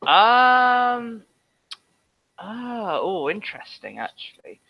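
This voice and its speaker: A man's voice: extremely high pitch, sing-song, extremely slow, creaky, dull audio. A man answering interview questions in a casual, earnest way, repeating himself and hesitating before each point.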